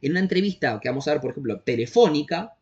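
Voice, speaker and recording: A man's voice: a little high, animated, racing, darkish tone. A man with a Uruguayan accent teaching an online class, explaining step by step and often checking that his students are following. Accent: Uruguayan Spanish. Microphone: video call. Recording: dull lo-fi video call audio.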